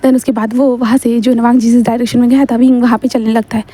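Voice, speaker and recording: A woman's voice: on the high side, flat delivery, quick pace, dark tone, slightly rough. A woman casually reading a fan-fiction story aloud, chatty and correcting herself as she goes.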